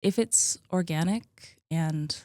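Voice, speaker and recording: A woman's voice: low voice, slow pace, no echo, studio quality. A woman in her thirties, a guest on a podcast, talking casually and easily with plenty of "like" and "um" fillers. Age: 30s. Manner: chatty, relaxed, many likes and ums. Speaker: podcast guest, gym co-owner. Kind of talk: casual conversational interview.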